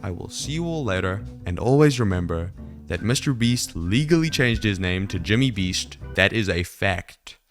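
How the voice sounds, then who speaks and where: A man hosting a casual scripted video review, with wry, deadpan asides. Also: on the low side, moderate pace, faint music behind. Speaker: video commentary host.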